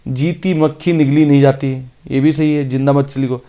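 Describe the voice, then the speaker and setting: A man teaching an exam-prep grammar lesson, reading each sentence out slowly and then explaining it briskly. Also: medium pitch, fairly even intonation, dark tone. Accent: Hindi.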